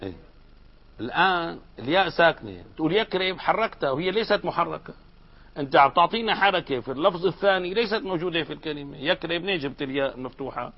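A grammar teacher, his fairly high voice swinging up and down as he explains. He keeps asking his students questions in a lively classroom manner. The recording sounds dull and lo-fi. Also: fast.

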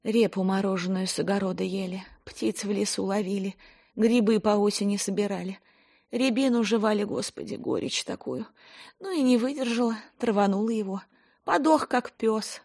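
A woman's voice: mid-range voice, moderate pace, a little mellow, pitched above the performer's own voice, natural voice. Woman doing a blunt, stern village woman. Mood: stern storytelling. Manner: plain-spoken storyteller, blunt and earthy.

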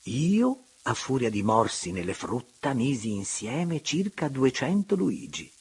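A man reading aloud, voicing an excitable, gushing noblewoman. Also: medium pitch, a little slow, slightly rough, pitched above the performer's own voice, exaggerated voice. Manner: gushing, exclamatory.

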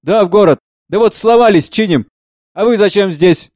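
A man's voice: high-pitched, normal speed, darkish tone, no echo, clean studio sound, pitched above the performer's own voice, lightly acted. A man reading the part of a wounded young son who speaks in an eager, urgent rush.

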